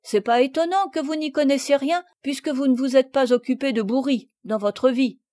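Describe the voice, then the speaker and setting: An earnest, talkative country boy from a storybook reading, put on by a woman narrator. The voice sits high and carries, pressing kindly advice in rustic speech. The sound is dry and close. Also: moderate pace, warm tone, no echo, lightly acted. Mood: earnest, consoling.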